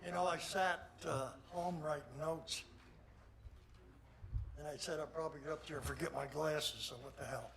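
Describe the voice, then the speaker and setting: A man's voice: fairly high pitch, steady tone, normal speed, creaky, fairly bright tone. An older man, a longtime motorsports official, giving a plainspoken, rambling tribute speech at an induction ceremony. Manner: plainspoken, salty, rambling storyteller. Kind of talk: folksy anecdotal tribute speech. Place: induction ceremony hall with audience. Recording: audience noise throughout.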